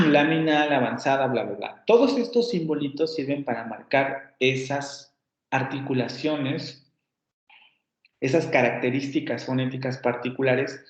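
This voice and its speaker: A man with a Mexican Spanish accent teaching a university class in an explanatory way, saying example words over and over and often correcting himself mid-sentence. His voice sits at an ordinary middle pitch. The sound is roomy and a little dull, as if picked up by a computer microphone. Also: darkish tone. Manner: explanatory, repeats example words aloud, frequent self-corrections. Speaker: university lecturer. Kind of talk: online lecture on phonetics.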